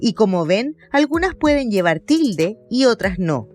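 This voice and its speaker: A woman giving a scripted lesson, explaining clearly and deliberately and sounding out example words. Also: mid-range voice, big pitch swings, darkish tone, faint music behind. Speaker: teacher. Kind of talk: scripted educational narration.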